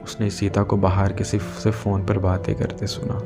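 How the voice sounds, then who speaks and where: A man reads a story aloud in a low, gravelly voice, steady and measured. Music plays clearly under the audiobook narration throughout. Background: background music.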